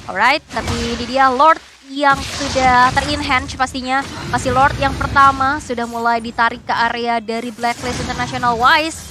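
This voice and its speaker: A woman shoutcasting live game play-by-play as an excitable fighting game announcer. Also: sits high, moderate pace, noisy background. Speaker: esports shoutcaster.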